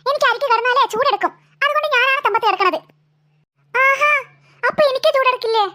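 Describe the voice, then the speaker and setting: A woman's voice: very high-pitched, fast, bright, forceful tone. A woman voicing two stubborn, bickering young sisters in a cartoon. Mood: squabbling. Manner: whiny, stubborn squabbling.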